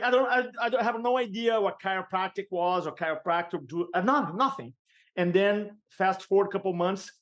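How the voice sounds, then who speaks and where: Appearing as a podcast guest, a middle-aged sales and speaking coach tells stories in a lively interview chat, laughing often and imitating the people he quotes. His voice is fairly high, and his English clearly shows his first language, with a Brazilian Portuguese accent.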